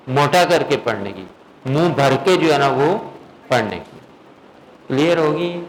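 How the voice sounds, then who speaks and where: A man teaching Quran recitation in a classroom lesson, patiently asking his students whether they follow and slowly drawing out words to demonstrate. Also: on the high side, a little hiss or hum, rough recording. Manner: patient, checks understanding with frequent questions.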